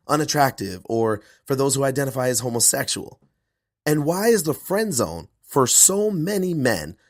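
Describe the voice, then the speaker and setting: A male podcast host and performance coach delivering an earnest intro monologue, his voice hoarse from a cold. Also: mid-range voice, no echo, studio quality. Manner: earnest, animated, self-promoting.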